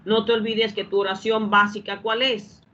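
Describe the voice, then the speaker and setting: This dull, lo-fi clip with faint background hum captures a woman giving a classroom explanation of English grammar. Her medium-pitched voice has a level tone and normal speed, sounding pushed and bright. She patiently repeats each step and asks whether the class understands.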